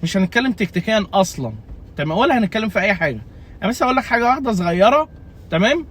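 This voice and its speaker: Fast exasperated Egyptian man. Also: high-pitched, expressive, a bit bright, breathy edge. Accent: Egyptian Arabic. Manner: exasperated, joking, repeats himself. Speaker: fantasy football youtuber. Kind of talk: casual comedic rant.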